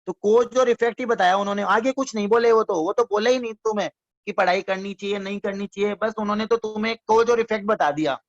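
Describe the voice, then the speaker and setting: A man's voice: sits high, fast. Man teaching, repeating and quizzing. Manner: explains by repetition, quizzes listeners with frequent check-in questions; addresses listeners fondly as students. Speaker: economics teacher. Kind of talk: classroom-style lecture. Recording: dull lo-fi dry recording.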